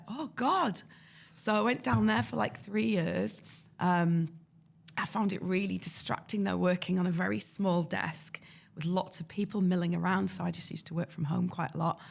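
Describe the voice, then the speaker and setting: A woman's voice: lowish voice, gravelly. A woman from North East England with a North East English accent, a guest illustrator telling stories in a casual interview and acting out the voices of people she quotes. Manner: lively, acts out quoted voices.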